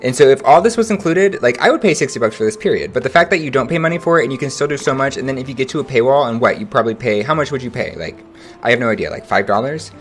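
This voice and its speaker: A young man streaming a game, chatting casually with viewers in an animated, slangy way. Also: mid-range voice, rapid-fire, faint music behind. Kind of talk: casual livestream chat.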